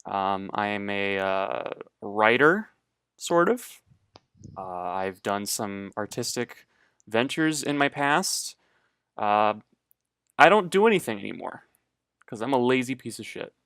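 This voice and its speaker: A man's voice: fairly low pitch, very animated, slow, pauses often, fairly bright tone, clean tone, no echo. A young man co-hosting a casual podcast, rambling and hesitant with lots of fillers and swearing. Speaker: podcast co-host.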